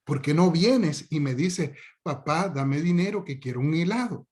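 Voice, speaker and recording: A man's voice: on the high side, animated, a little slow, darkish tone. Man playing a baffled, exasperated father. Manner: exasperated, repeated interruptions. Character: puzzled father, cutting his son off.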